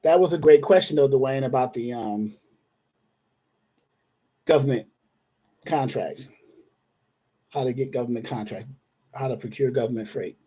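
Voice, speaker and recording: A man's voice: mid-range voice, measured pace, long pauses, mellow, husky. A man hosting a live online question-and-answer session as a dispatcher trainer, talking casually, addressing viewers by name and thinking aloud with frequent restarts.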